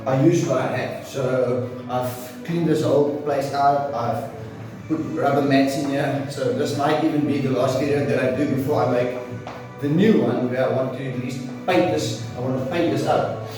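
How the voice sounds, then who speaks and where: A man's voice: medium pitch, fairly even intonation, far from the mic. Echoey earnest man in his forties. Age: 40s. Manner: earnest, preaching, loose with restarts and pauses. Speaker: fitness and faith vlogger. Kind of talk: motivational monologue to camera. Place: small bare home training room with rubber mats. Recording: very echoey room, voice off-mic, music behind.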